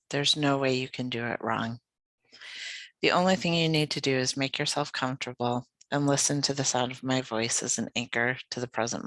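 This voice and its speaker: In a medium-pitched voice with no echo, a yoga nidra guide takes listeners through a guided meditation at a calm, unhurried pace, soft and soothing throughout.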